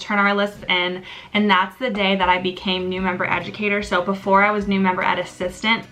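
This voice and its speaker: A woman's voice: medium pitch, sharp tone. A young American woman telling a casual storytime vlog like a bubbly sorority girl, gushing and giggly, with lots of "like" in her talk. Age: young adult. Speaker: vlogger, sorority member.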